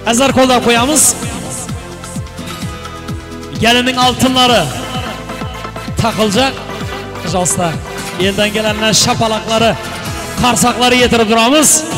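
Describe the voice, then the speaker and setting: A man's voice: very high-pitched, fairly even intonation, unhurried, pauses often. A man working as a wedding master of ceremonies, announcing to the guests in a projected, exhorting manner. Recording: long hall reverb, music behind.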